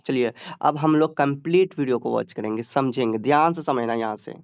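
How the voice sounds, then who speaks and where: A man's voice: medium pitch, brisk, smooth, dry recording, dull audio. Man tutoring with patient check-ins. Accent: Hindi. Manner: explains step by step, drawing out English words and checking in often. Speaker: exam tutor. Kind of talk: exam-prep lesson.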